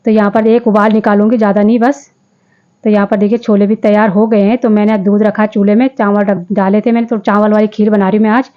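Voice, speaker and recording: A woman's voice: mid-range voice, muffled recording. A woman vlogger narrating her day in a casual voice-over, chatty, often restarting and correcting herself.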